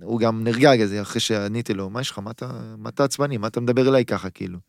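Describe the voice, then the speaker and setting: A man in his thirties spins a story in casual chat, jumping between his own lines and the other person's. His voice has a gravelly, fried edge, recorded dry and close to the mic. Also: fairly low pitch, no echo. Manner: animated, acts out both sides of phone calls. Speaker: guest footballer.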